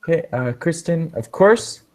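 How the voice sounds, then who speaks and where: A man's voice: on the high side, lively intonation, a little slow, darkish tone. A man teaching an advanced English speaking class, patiently explaining word meanings with examples. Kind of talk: online language class.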